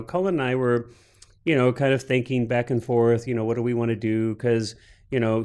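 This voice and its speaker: Casting: man in his late forties, podcast co-host, animated and rambling, average pitch. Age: 40s. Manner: animated, rambling with many restarts. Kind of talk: casual chat.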